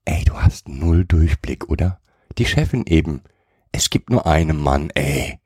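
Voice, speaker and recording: A man voicing a cheeky, chubby little male gnome with a croaky voice who talks in brash slang and keeps saying "ey". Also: extremely low pitch, animated, measured pace, darkish tone, no echo, clean studio sound, full character voice. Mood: grumpy, cheeky. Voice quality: croaky, says "ey" constantly. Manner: brash, rude street slang.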